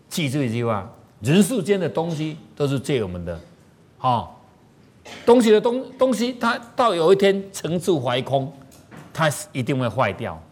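A man with a Taiwanese Mandarin accent, a spiritual teacher giving an animated sermon-style lecture full of rhetorical questions to the audience. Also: mid-range voice.

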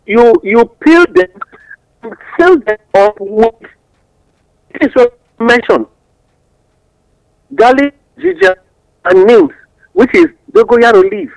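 A man's voice: very high-pitched, creaky, dry recording, poor audio. A man with a Nigerian accent explaining things in West African Pidgin English, teaching through examples and rhetorical questions as a radio guest giving advice.

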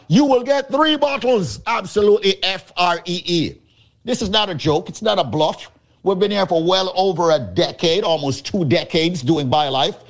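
A man hosting a radio show, giving a showy, teasing sales pitch and repeating his points. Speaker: radio host selling a supplement.

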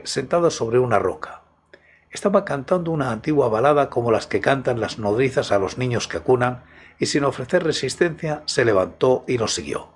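A man with a husky voice narrating scripted tales as the host of a story programme. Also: medium pitch. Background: music.

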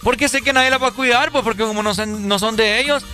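A man's voice: very high voice, fast talker, sharp tone, faint music behind. A man co-hosting a radio show in casual, joking banter. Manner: playful, joking, teasing. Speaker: radio co-host.

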